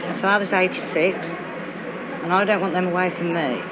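A village man answers an interviewer quickly and anxiously. His voice is high for a man. The old film soundtrack carries a clear hiss behind him. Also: fairly even intonation.

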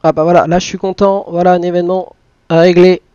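A man with a high voice commentates a flight simulator session as the pilot. He mutters to himself between radio calls. The sound is close and dry, slightly dull. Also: little pitch movement, quick pace, dark tone, clear, resonant tone, no echo. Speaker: flight simulator streamer playing airline pilot. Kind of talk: live commentary mixed with aviation radio calls.

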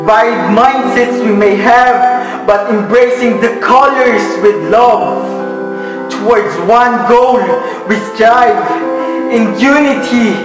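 Young man, spoken word piece, dramatic and unhurried; echoey hall, loud music. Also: extremely high pitch. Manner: dramatic, emphatic, with slow pauses. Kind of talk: spoken word poetry performance. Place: indoor studio before a wall of flags.

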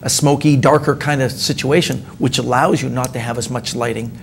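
Man, forties, gravelly, animated guest chat, acts out scenes, lapel mic, dark studio, faint noise. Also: mid-range voice, brisk. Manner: animated storyteller, acts out quoted lines, chuckles often. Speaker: magician guest. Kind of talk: casual studio discussion.

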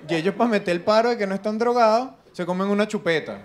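Young man, Venezuelan accent, stand-up comic, animated delivery, fairly high voice, faint hiss. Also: fast. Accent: Venezuelan Spanish. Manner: animated, acts out other people's voices. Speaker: stand-up comedian. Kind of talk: stand-up comedy routine. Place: live comedy stage with audience.

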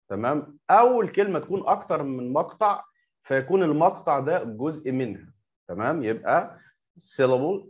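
A young adult man with an Egyptian Arabic accent teaching English to young pupils, patiently repeating words and asking checking questions. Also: medium pitch. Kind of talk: online lesson explaining to young pupils. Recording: dull lo-fi recording.

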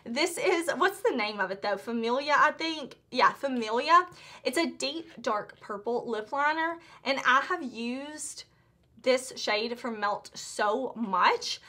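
Bright, high-voiced gushing woman vlogger. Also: expressive, takes it slowly. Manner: gushing, chatty, full of "like" and restarts. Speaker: beauty vlogger. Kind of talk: casual beauty haul chat.

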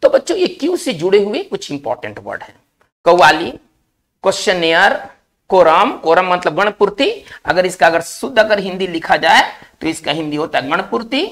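A man's voice: high-pitched, sing-song, fairly bright tone. A man teaching English spelling and word meanings in a recorded lesson, explaining step by step and often checking that students follow. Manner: explains slowly in Hindi, often checks with "isn't it?".

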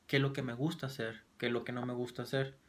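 A man's voice: medium pitch, little pitch movement, fast talker. A man in his twenties with a Mexican accent, talking casually and rambling to his vlog audience with lots of slang. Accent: Mexican Spanish. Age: 20s. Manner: rambling, slangy, self-deprecating. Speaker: vlogger.

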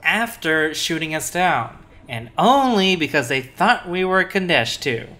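A man's voice: fairly high pitch, very animated, a little slow, pushed and bright, full character voice. A man reading a sarcastic grumpy witch. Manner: dry and sarcastic. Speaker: game dialogue reader. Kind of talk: reading game dialogue aloud. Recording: faint game music behind.

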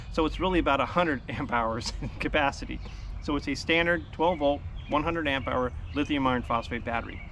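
A man's voice: on the high side, a bit bright, a little hiss or hum. A man in his forties, an off-grid homestead vlogger, explaining his gear step by step in a chatty, upbeat way while sitting outdoors beside his house. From United States. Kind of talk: casual how-to vlog. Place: outdoors by a house wall in a backyard.

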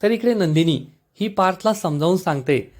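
A man narrating a TV serial episode recap in a steady storytelling way, speaking directly to his viewers. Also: high-pitched, normal speed.

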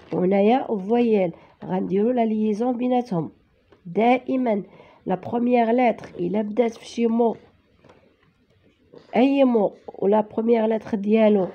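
A woman's voice: medium pitch, dark tone, highs cut off. A woman teacher with a Moroccan Arabic accent, patiently spelling out sounds letter by letter in a reading lesson for children.

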